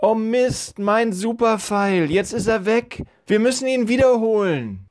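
A man's voice: high voice, expressive, a little slow, pitched above the performer's own voice. A man voicing an eager young boy in a children's story, with a raised, whiny voice. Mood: excited. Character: excited young boy with toy arrows.

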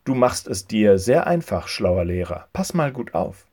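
A man doing gentle, kind Jesus. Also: lowish voice, big pitch swings, measured pace. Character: calm, kind male teacher Jesus.

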